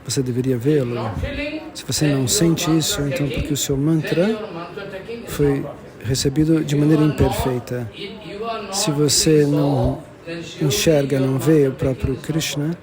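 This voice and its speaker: A man giving a devotional lecture to a gathering, repeating and restarting phrases and slowing down to stress key terms. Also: a little high, a crowd in the background. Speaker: religious lecturer.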